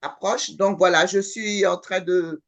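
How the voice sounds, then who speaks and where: A woman's voice: fairly low pitch, steady tone, unhurried. Hesitant woman thinking aloud. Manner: hesitant, searching for words. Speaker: webinar participant.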